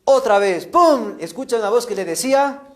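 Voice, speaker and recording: Animated man telling a children's story. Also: high-pitched, normal speed. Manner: animated, often asks the children "right?". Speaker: catechist.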